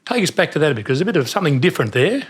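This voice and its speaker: A man's voice: fairly high pitch, big pitch swings, rapid-fire, husky. An Australian man hosting a podcast, asking questions in a friendly, conversational way. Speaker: podcast host interviewer. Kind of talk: podcast interview.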